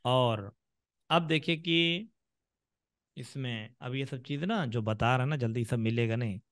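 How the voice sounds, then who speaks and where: A man's voice: mid-range voice, a little slow, fairly bright tone, no echo, studio quality. A man teaching children to read in an online class, patiently drawing out sounds as he demonstrates them. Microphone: video call.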